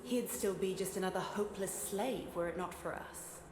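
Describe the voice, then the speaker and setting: A woman voices scripted video game lines as an arrogant, vengeful fire goddess bound in a sword, mocking and bloodthirsty, with a contemptuous, haughty, sardonic and theatrical delivery. Her voice is mid-range, at normal speed, close to her everyday voice. The recording has a roomy echo and clear background static.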